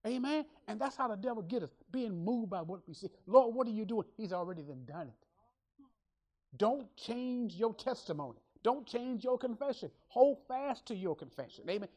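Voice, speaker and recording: A woman's voice: a little high, animated, normal speed, mellow. Woman preacher, emphatic, repetitive, call-and-response sermon.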